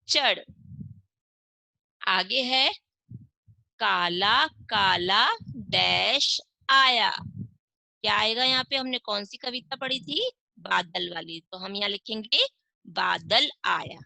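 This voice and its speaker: A woman's voice: on the high side, gravelly, sharp tone, no room sound, low-quality recording. A woman teaching young children in an online class, reading words syllable by syllable and asking and answering her own questions. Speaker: primary school Hindi teacher.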